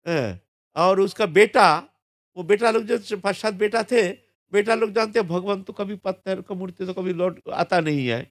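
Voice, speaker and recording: A male religious storyteller narrates a sacred legend in an animated, conversational sermon. His voice is gravelly and sits somewhat high. It is recorded close to the mic in a dry space. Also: normal speed, no echo. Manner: animated, conversational, with frequent tag questions.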